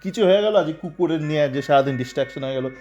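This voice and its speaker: A man's voice: on the high side, animated, very fast, darkish tone, dull audio. Mocking, rambling man, faint music behind. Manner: sarcastic, mocking, rambling with frequent fillers; acts out quotes in raised, agitated voices. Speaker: football commentator. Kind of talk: casual spoken commentary.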